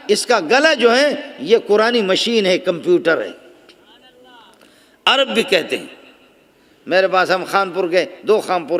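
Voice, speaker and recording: A man delivers a storytelling sermon, his high voice rising for emphasis and dropping for asides. His voice rings out with a long reverb, as if recorded in a large conference hall. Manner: storytelling, impassioned, shifting between soft asides and raised emphasis. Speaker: religious speaker.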